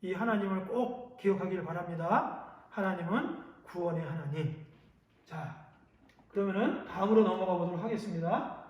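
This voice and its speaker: A male pastor giving a children's sermon, telling a story with lively questions to the listeners. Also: high-pitched, normal speed, highs cut off. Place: church hall. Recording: echoey hall, from a distance.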